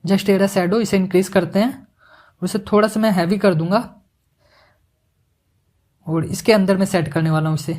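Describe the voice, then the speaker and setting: A man giving a casual, joking software tutorial, mixing English words into his Hindi as he works. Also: high voice, fairly even intonation, normal speed, long pauses. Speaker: animation tutorial instructor.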